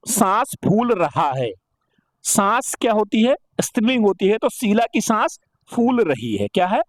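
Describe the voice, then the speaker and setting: A man with a high-pitched voice, recorded in clean studio quality with no room sound, teaches an exam-prep Hindi grammar lesson. He poses rhetorical questions, answers them himself, and repeats each correct form for emphasis.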